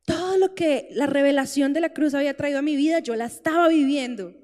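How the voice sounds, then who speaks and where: High-voiced woman preaching. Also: darkish tone. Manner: heartfelt, slow pauses building to tearful pleading. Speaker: preacher giving testimony. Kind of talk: emotional sermon testimony. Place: church hall. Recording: long church reverb with faint music.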